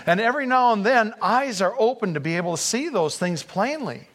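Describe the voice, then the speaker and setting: Man, pastor, sermon, high voice, earnest, fervent. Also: animated, fairly quick, a bit bright. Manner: earnest, rising to fervent emphasis.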